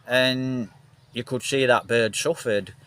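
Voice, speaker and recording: A man's voice: mid-range voice, fairly even intonation, slow pace, a bit bright, clean tone. Rambling Northern English man vlogging. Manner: rambling, repeats himself, many "you know" fillers. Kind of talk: casual rambling vlog chat. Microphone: phone held in hand, then on a gimbal.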